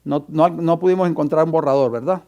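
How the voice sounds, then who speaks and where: High-voiced, clear pastor teaching a class. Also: male voice, fairly quick, a little mellow, dull audio. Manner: quizzes the class and dictates scripture references. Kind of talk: Bible class lecture. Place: church classroom.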